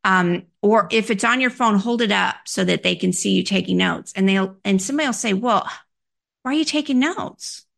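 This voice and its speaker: A woman giving instructional advice on handling difficult requests, in a measured, explanatory way that poses questions to the listener. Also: mid-range voice, creaky, a bit bright. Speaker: workplace communication coach. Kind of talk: instructional talk.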